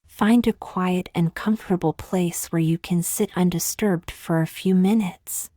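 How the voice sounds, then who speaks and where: The sound is dry with no room echo as a woman guides beginners through a scripted meditation. Her slightly low voice is soft, breathy and at times almost a whisper, with a steady tone. She speaks gently and soothingly, pausing at length.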